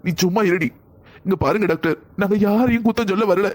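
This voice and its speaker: A man with a high, brisk, lightly acted voice plays an anxious middle-aged father in a cartoon. Distressed, he pleads for someone to help his daughter.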